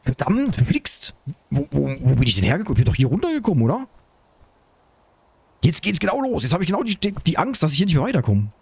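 A man commenting on his own survival game play, excitable, talking to himself and his viewers. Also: fairly high pitch, quick pace, vocal fry, husky. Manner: excitable, talks to himself and viewers, frequent exclamations. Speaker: gaming YouTuber.

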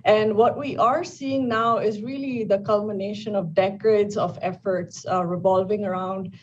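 A woman in her thirties, an oncologist, explaining things in a measured way with frequent ums during a live news interview over video call. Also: medium pitch, steady tone. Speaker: lung cancer oncologist. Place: bright indoor room. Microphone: video call from home or office. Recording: distant, dull video-call audio with faint room noise.

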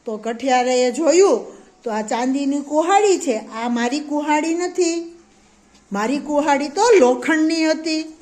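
A woman preschool teacher telling a story to young children, patient and slow, explaining harder words simply. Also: sits high, darkish tone, low-quality recording.

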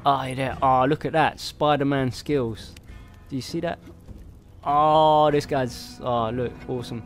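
A man's voice: mid-range voice, fairly even intonation, unhurried. Chatty man narrating his gameplay. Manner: chatty, laughing, muttering to himself. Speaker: gamer playing solo. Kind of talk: casual gameplay commentary. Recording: game music playing faintly behind. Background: faint game music.

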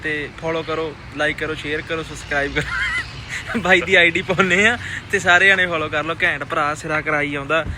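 A man's voice: a little high, huge pitch swings, moderate pace. A man with a Punjabi accent talking casually to his viewers as a vlogger. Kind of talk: casual vlog chat. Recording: noisy outdoor and vehicle background. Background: clear vehicle and outdoor noise.

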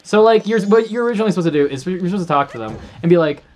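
A man's voice: high voice, expressive, racing, darkish tone. A man talks his way through a video game in loose, rambling commentary, tripping over repeated words as he thinks. Faint game music plays underneath. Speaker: let's play host. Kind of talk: casual gameplay commentary.

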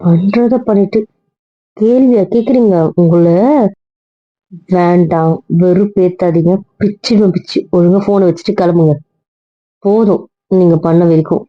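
A woman's voice: fairly low pitch, measured pace. Brief: a woman as a young wife who soothes and scolds, in a slightly dull recording. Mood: scolding. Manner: coaxing, then scolding. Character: young wife, bossy yet coaxing. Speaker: doctor.

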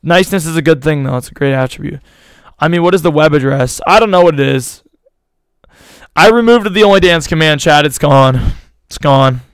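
A man's voice: fairly high pitch, brisk, smooth, no room sound. A young man streaming live, rambling casually to his chat in slangy talk, his voice a little worn out.

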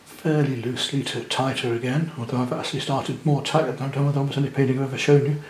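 A man, gently talking through a watercolour demonstration as he paints, thinking aloud in a chatty way. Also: medium pitch, flat delivery, fast, echoey room. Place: indoor studio at the easel.

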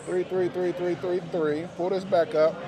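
On a crowded indoor casino floor, where music and chatter fill the background, a man with a high voice and flat delivery narrates his gambling at a normal speed. This vlogger keeps it casual and slangy, repeating numbers and phrases often.

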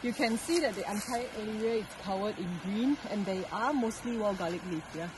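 A woman's voice: mid-range voice, expressive, brisk, noisy background. A young woman, chatting and explaining in a casual vlog, recorded outdoors in woodland by a stream on a handheld camera. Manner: chatty, explaining as she walks. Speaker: vlogger. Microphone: camera held at arm's length.

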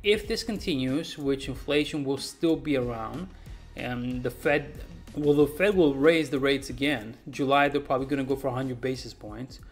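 A man's voice: medium pitch, normal speed, faint music behind. A man in his forties talking casually through a stock analysis, emphatic and repeating words for stress, recorded at his desk. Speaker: stock market YouTuber. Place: small room indoors.

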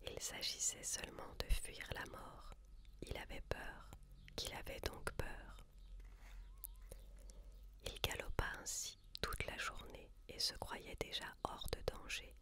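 A woman reads a book aloud in a soft, unvoiced library whisper. Her phrasing is slow, measured and deliberate.

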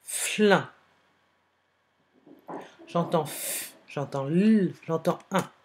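Slow, careful woman teacher dictating. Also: mid-range voice, lively intonation, a little hiss or hum. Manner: slow, careful, repeats each word and spells it out. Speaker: primary school teacher. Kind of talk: dictation lesson for young pupils.

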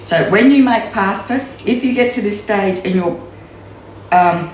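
A woman in her sixties with an Australian accent chats through a home cooking demonstration, with many ums and restarts. Her voice is medium-pitched and unhurried. She is recorded in her echoey kitchen on a camera mic a few metres away, with slight background noise.

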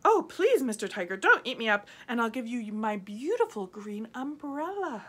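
A woman voicing a small, polite little boy in a read-aloud storybook, high and pleading. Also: very animated, moderate pace, breathy edge.

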